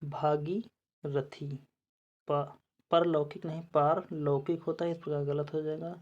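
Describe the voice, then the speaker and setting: A woman's voice: low-pitched, flat delivery, normal speed, a little mellow, dull audio. A woman teacher working through spelling quiz answers for exam preparation, methodical and repeating each word as she checks the options.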